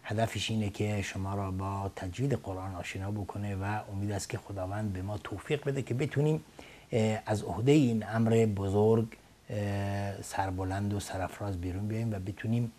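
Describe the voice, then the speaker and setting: A man teaching Quranic recitation on a television lesson, speaking in a measured, formal way with frequent hesitation fillers. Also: fairly low pitch, steady tone, mellow. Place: TV studio.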